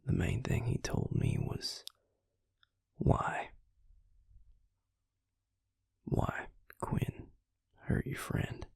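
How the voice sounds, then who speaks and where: In an intimate romantic audio roleplay, a man plays a devoted, protective vampire lover, speaking gently in a husky, breathy near-whisper. He takes his time, sounding earnest and reassuring with light acting, captured in clean studio sound with no echo.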